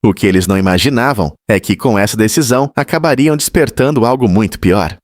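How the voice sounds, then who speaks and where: Hosting and narrating a horror story, a Brazilian man addresses his viewers as a storyteller in a fairly low voice. His pace is even and ordinary, though a little fast, and there's slight background noise.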